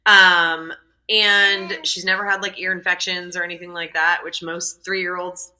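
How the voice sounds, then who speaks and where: A young woman who works as a doula chats as a guest on an interview podcast, telling stories and saying "um" and "like" a lot. Her voice is lowish, bright and forceful, with a level tone and measured pace. The recording is rough.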